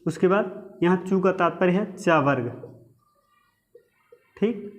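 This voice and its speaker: A man with a slightly high voice teaches an exam-prep lesson. He repeats each point, asks questions and answers them himself, and keeps checking in with his listeners. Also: slow.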